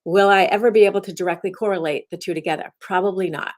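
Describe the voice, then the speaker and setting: A woman's voice: on the low side, steady tone, quick pace. A woman instructor giving her daily message as rambling casual talk, often restarting her sentences. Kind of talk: casual self-recorded talk.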